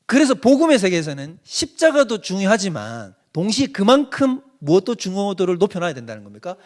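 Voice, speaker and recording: Fast, lively-voiced man preaching. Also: high-pitched. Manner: asks the audience questions and answers them himself; emphatic, mimics people with sudden loud outbursts. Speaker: pastor lecturing on doctrine. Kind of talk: animated doctrinal lecture.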